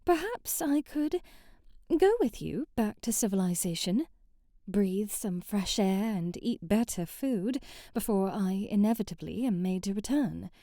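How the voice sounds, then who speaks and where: The same bratty, sheltered princess character, prim, quick to get flustered and speaking in formal, old-fashioned language, now sounds curious and surprised. The woman's medium-pitched voice is dark-toned, lively in intonation and unhurried. It's a scripted ASMR roleplay with clean studio sound and no echo.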